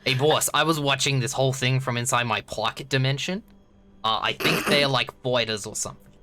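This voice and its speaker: A man's voice: mid-range voice, a little fast, bright, forceful tone, soft background music, natural voice. Man voicing a brash, sassy little toy sidekick. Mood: eager, cheeky. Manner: brash, informal wisecracks, calls master boss. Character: sassy tiny male stuffed-toy magical companion, cheeky henchman.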